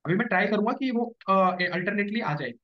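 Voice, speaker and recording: A man's voice: high-pitched, lively intonation, fast. A man, teaching a live class and checking often that students follow. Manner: explanatory, checks understanding often. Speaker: SEO trainer. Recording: dull lo-fi classroom recording.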